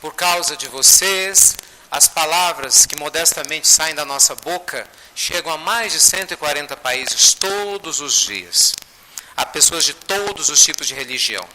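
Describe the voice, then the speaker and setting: A man giving a spiritist talk to an audience, telling a story in an animated way with many tag questions. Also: a little high, unhurried. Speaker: spiritist lecturer. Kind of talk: storytelling sermon. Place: lecture hall with audience. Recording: reverberant hall, faint noise.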